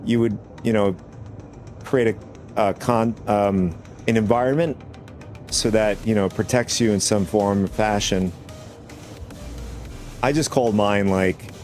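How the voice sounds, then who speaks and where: Hoarse from a cold, a man chats loosely with viewers as he games on stream, rambling and often starting his sentences over. His voice sits fairly low and sounds a bit mellow.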